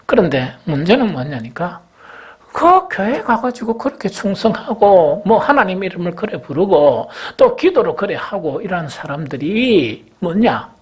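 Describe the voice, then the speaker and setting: A middle-aged man, preaching a sermon as senior pastor. He asks the congregation questions and answers them himself, pushing some phrases up loudly and letting others drop low. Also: very animated, a little slow, husky. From South Korea. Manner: swings between raised, emphatic phrases and low, dropped endings.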